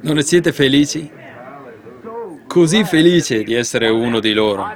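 A man's voice: medium pitch, lively intonation, a little slow. A man preaching a fervent sermon and breaking into hymn singing. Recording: crowd of congregation behind. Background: congregation.

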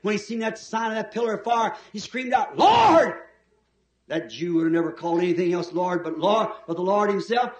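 A man's voice: sits high, a little fast, few pauses, reverberant. A man preaching a sermon with emphasis, telling the story in a folksy way.

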